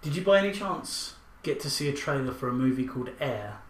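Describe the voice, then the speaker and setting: This man hosts a podcast and rambles about films, cursing freely. His medium-pitched voice has lively intonation and moves a little fast. The sound is echoey, with a faint background hiss.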